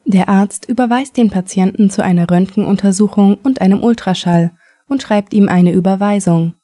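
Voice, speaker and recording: A woman reads vocabulary and a short story slowly and clearly, one word at a time. Her voice is mellow and warm, and the recording is dry and close. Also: medium pitch, dry recording. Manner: slow, clear word-by-word reading. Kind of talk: scripted vocabulary and story reading.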